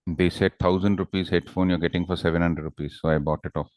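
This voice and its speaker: A man's voice: low-pitched, fairly even intonation, fast, darkish tone, dry recording, clean studio sound. A man with a South Indian accent teaching an online class conversationally, with examples and frequent questioning tags, on a headset microphone. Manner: informal, often ends phrases with questioning tags.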